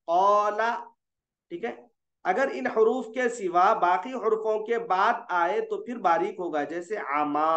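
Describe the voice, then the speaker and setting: A man's voice: high voice, fairly bright tone, reverberant, dull audio. A man teaching a Quran recitation class. He poses questions to the class, answers them himself and repeats the key points. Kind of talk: classroom lesson.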